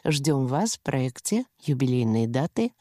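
A woman hosting a radio programme in a measured, cordial way at a studio mic. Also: a bass voice, sing-song, mellow, no echo. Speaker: radio host.

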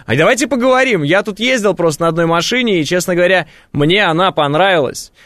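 A man with a fairly high voice hosts a radio call-in show, talking casually and joking at his own expense, with lots of fillers and restarts. The studio sound is close and dry, with no room around it. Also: lively intonation, fast talker, a bit bright, no room sound. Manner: joking, self-ironic, chatty with many fillers. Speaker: radio host. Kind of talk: casual radio talk with callers.

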